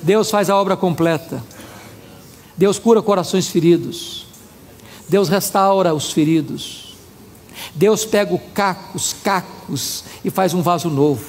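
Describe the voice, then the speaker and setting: A male pastor preaching a sermon with animated, humorous storytelling. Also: high voice, unhurried, in a large hall, a little hiss or hum.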